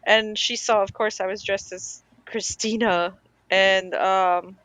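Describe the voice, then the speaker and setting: A woman's voice: mid-range voice, level tone, measured pace, fairly bright tone, clean tone, dry recording, rough recording. A woman in casual podcast chat, telling stories in a chatty way with many fillers. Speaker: podcast co-host.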